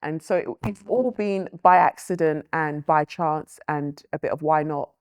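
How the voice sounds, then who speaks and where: A low, clean voice comes through a dry, somewhat dull recording with a close sound. The speaker is a thoughtful woman, an author appearing as a guest, who gives reflective interview answers in a measured way full of "um" and "you know." Yoruba is her first language, and she was born in Nigeria and raised in London.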